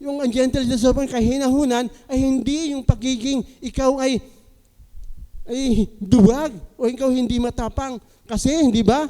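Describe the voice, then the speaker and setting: A man's voice: very high voice, steady tone, moderate pace, mellow. A man preaching a sermon as pastor, politely asking the congregation questions as he goes. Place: church sanctuary. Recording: long church hall reverb.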